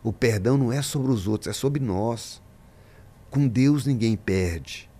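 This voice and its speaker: A man's voice: mid-range voice, unhurried, dark tone. A man, a pastor, talking in a podcast interview, preaching-style and emphatic, acting out the voices in his stories.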